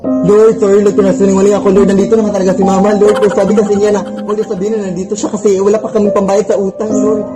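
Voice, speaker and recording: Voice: mid-range voice, flat delivery, racing, close to an everyday voice. A meek, sneaky child, as a skit performer puts them on answers their mother with a Filipino accent. The replies are sheepish and mostly end with "Nay". Music runs behind the lines in this comedy skit. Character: sheepish Filipino kid, dutiful but sneaky.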